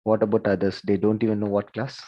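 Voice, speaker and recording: Over a video call, a male lecturer teaches an online class in a chatty, conversational way, asking students questions and often saying "like" and "okay." His voice is lowish and brisk with little pitch movement, and the sound is lo-fi.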